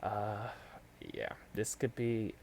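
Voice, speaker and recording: A man's voice: fairly low pitch, sing-song, vocal fry, darkish tone, slight background noise. A man with a New York accent hosting a podcast and chatting casually about football picks, with many fillers and restarts. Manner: halting, lots of fillers and restarts. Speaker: podcast host. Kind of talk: casual sports predictions chat.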